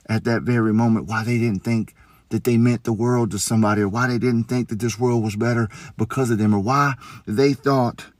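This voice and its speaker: Earnest man, low dry voice. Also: no echo. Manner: earnest and gentle, quoting others softly. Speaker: storyteller vlogger. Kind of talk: heartfelt storytelling to camera.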